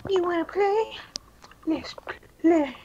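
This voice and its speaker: A man voicing a frightened young female pink hedgehog, high and pleading in a fan-fiction reading. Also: expressive, takes it slowly, highs cut off, noisy background, exaggerated voice. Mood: teasing. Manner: breathless, pleading, high-pitched.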